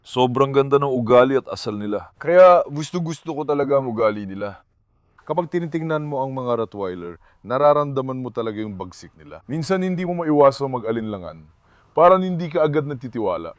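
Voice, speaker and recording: Here a man narrates a casual pet vlog straight to the camera, coaxing his dogs along the way. His mid-range voice is animated and fairly quick, with no echo on the recording.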